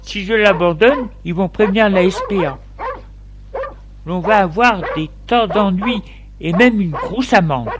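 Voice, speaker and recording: A man voicing a fretful, anxious middle-aged wife in a read-aloud story, pushing his voice well up into a fussy register. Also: unhurried. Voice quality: raised falsetto-like pitch. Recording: steady background noise.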